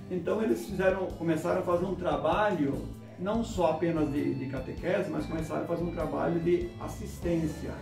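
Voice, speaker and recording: A man's voice: fairly high pitch, vocal fry. A man explaining a community's early history in a documentary interview, chuckling now and then as he tells it. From moved to São Paulo in 1987. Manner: explanatory, chuckles while telling. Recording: roomy, distant mic with music bed.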